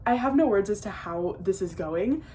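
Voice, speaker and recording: A woman's voice: mid-range voice, lively intonation, normal speed, warm tone, a little hiss or hum. A teenage girl talking casually and emotionally at home about a book she is reading, full of fillers. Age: teens. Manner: gushing, emotional, filler-heavy. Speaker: book vlogger.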